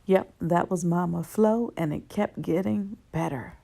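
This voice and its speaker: A woman's voice: on the low side, unhurried, vocal fry. A woman narrating a voice-over as the author, in a reflective tone. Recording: loud background noise.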